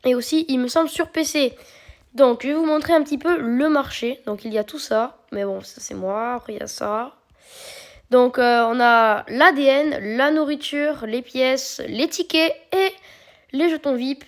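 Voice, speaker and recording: A woman walks viewers through a mobile game in a casual, chatty way. Her voice sits a little higher than usual. She explains each step patiently, filling the gaps with small hesitations. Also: moderate pace. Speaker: mobile game video creator. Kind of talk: casual gameplay commentary.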